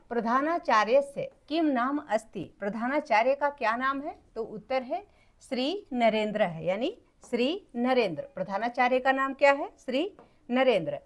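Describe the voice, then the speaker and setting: A woman teacher explaining a school textbook lesson patiently, repeating each word with its meaning. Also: sits high.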